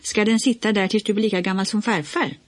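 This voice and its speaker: A woman's voice: medium pitch, fairly even intonation, pitched above the performer's own voice, lightly acted. A woman voicing a cocky, bossy young boy who teases his friends. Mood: teasing bossy. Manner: brash, teasing.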